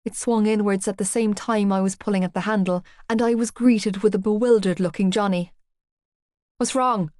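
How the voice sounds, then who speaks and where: A woman narrating a novel in the first person as an audiobook reader, expressive and breathless in her storytelling. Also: mid-range voice, fairly quick, few pauses, no echo, studio quality.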